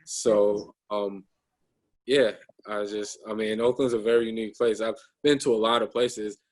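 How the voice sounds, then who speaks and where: Hesitant man in his thirties, low flat voice. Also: normal speed, rough recording. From United States. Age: 30s. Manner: hesitant, many ums and restarts. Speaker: guest. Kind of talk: casual interview over a video call. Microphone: video call.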